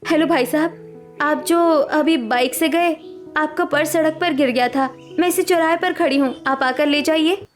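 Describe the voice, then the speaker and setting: A woman voices a poor but honest young woman in an animated story. She pleads earnestly in a high voice and keeps her speech plain and sincere. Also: normal speed, faint music behind, close to an everyday voice. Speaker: cartoon character.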